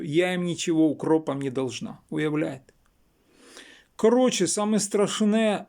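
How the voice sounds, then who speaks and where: A man from western Ukraine speaks in a fairly high voice as a local blogger. He is insistent and repeats phrases to drive home each point. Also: vocal fry, a little mellow. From Chernivtsi region, Ukraine. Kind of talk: emphatic local news vlog.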